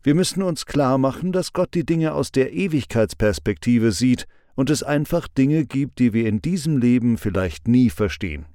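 A man giving a calm devotional sermon with a measured, instructive delivery. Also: mid-range voice, no room sound, studio quality. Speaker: preacher.

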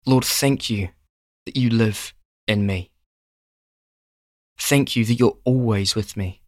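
A man reading scripture passages and leading a prayer in a steady, solemn way. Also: fairly low pitch, dry recording, studio quality. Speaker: scripture reader and prayer leader.

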